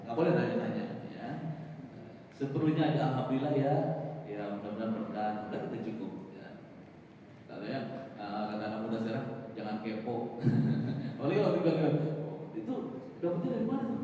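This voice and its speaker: Man, preacher, animated delivery, acts out dialogue, distant mic, very reverberant mosque hall. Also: medium pitch, a little fast, long pauses, slight background noise. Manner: lively, joking, acts out dialogue. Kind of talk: evening mosque sermon. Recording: echoey mosque hall from far off.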